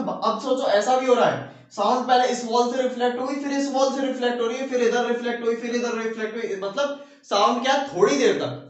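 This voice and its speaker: A male teacher giving a classroom lecture with a Hindi accent, repeating phrases and checking in with his class, slowing down to dictate notes. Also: very high voice. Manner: repeats phrases, keeps asking "ठीक है"; slows down while dictating notes. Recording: very echoey room, mic far off.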